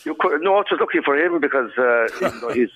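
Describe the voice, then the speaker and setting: A man's voice: fairly high pitch, lively intonation, fast, crowd noise. A man with a Kerry Irish accent telling anecdotes in a lilting, wry, colloquial way as a writer being interviewed by telephone. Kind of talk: lilting, anecdotal storytelling in casual chat. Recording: tinny, band-limited phone line.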